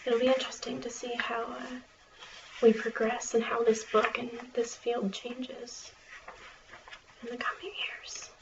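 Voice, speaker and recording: A woman doing an ASMR role-play as a friendly, chatty small-town librarian, speaking in a soft, murmured library soft voice. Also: a little high, little pitch movement, unhurried. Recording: distant, muffled, clearly noisy recording.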